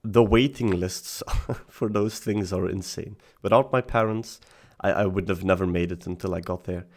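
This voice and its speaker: A young man talks straight to the camera in a deep, gravelly voice. He speaks unscripted and halting, stumbling over and repeating words, close to tears at times. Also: steady tone. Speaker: vlogger. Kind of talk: unscripted personal confession.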